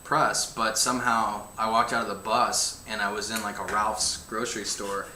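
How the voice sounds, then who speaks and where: A man's voice: fairly low pitch, level tone, moderate pace. A young man chatting casually on a livestream, telling stories in an easygoing way with hesitant fillers. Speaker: band member answering fan questions. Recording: roomy with faint hum.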